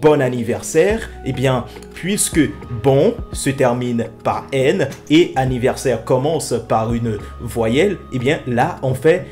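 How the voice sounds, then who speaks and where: Man teaching French pronunciation, lively. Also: mid-range voice, slow pace, few pauses, faint music behind. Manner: repeats example phrases, lively emphatic explanations. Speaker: French language teacher, channel host. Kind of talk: casual explanatory video lesson.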